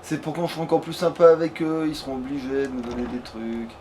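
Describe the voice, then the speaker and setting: Over clearly noisy background sound, a man gives fast, casual let's play commentary in a mellow, medium-pitched voice. He swears and frequently mutters to himself as he plays.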